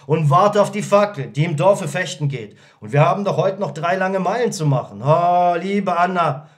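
A man voicing a melancholy young journeyman who talks slowly and sighs about his sweetheart. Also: high voice, lively intonation. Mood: yearning. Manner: slow, sighing, dreamy.

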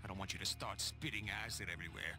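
A man's voice: deep voice, very fast, pushed and bright. An actor voicing a cocky, wisecracking male hero in a video game. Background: game music.

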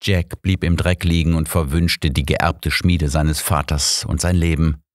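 A man's voice: a bass voice, measured pace, dry recording, studio quality. A man giving scripted first-person narration of a story as an audiobook narrator. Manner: storytelling, expressive.

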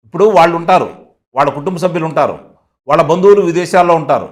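A man, a political analyst speaking forcefully in a heated interview and firing off rhetorical questions. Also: on the high side, expressive, racing.

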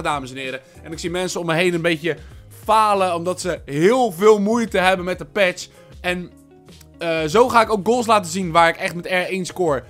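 A young Dutch man hosts a gaming video, casually commentating on his own football gameplay. His voice sits on the high side, and he chats with viewers, shouting at big moments. He has a headache.

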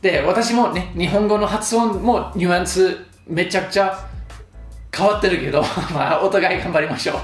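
Speaking at a normal pace in a high-pitched voice, a man offers pronunciation tips in a casual vlog to camera. He's chatty and jokey, a bit exasperated. There's a roomy echo and faint music in the recording.

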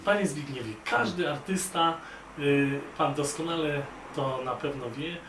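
A man interviewing an artist, asking questions haltingly with many fillers. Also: on the high side. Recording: echoey room, distant mic, clear noise.

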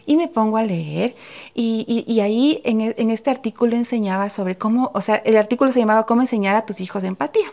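A middle-aged woman on a podcast, telling a family story in a casual, animated way and acting out the dialogue. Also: fairly high pitch, fairly quick, creaky. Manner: animated, acts out quoted dialogue. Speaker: podcast co-host.

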